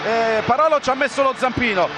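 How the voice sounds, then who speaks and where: A man giving breathless, excited live football goal commentary, repeating phrases as attacks build and shouting out the goals. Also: very high-pitched, brisk. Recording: very noisy stadium, loud crowd. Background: loud crowd.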